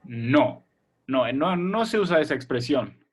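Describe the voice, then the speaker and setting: A man's voice: mid-range voice, expressive, unhurried, breathy edge. A male teacher leads a remote lesson for children, his voice sitting in an ordinary middle range. He explains patiently step by step and keeps checking that the class is following.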